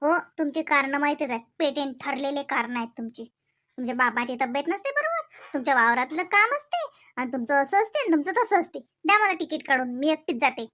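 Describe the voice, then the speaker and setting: A woman doing a shrill cartoon village wife, very high and bright, always scolding, dry close mic. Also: lively intonation, fairly quick, dry recording. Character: sharp-tongued village wife, quick to scold.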